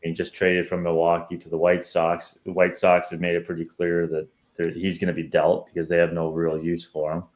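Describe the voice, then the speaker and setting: A man's voice: low voice, monotone, fairly quick, hardly any pauses, a little mellow. A man with a Canadian accent co-hosting a podcast, giving confident, opinionated baseball analysis. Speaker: podcast co-host. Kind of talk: casual sports analysis.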